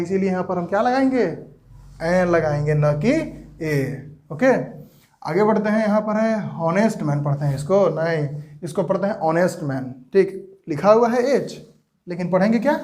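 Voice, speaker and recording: A man with a notably high voice and a Jharkhand Hindi accent teaches English grammar to a class. He keeps asking rhetorical questions and answering them himself, and he slows down and stretches key words to drive the point home. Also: darkish tone. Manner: stretches words slowly for emphasis.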